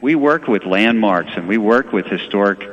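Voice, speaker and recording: Low-pitched salesman, dull reverberant sound. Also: expressive, moderate pace. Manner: explanatory salesman's talk. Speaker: window and door company expert, guest. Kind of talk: promotional radio interview talk.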